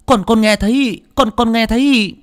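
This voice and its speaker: A man's voice: very high voice, moderate pace, pitched above the performer's own voice. A man voicing a frightened twelve-year-old servant boy in an audiobook story, stammering and breathless. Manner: stammering, breathless, repeating words in panic.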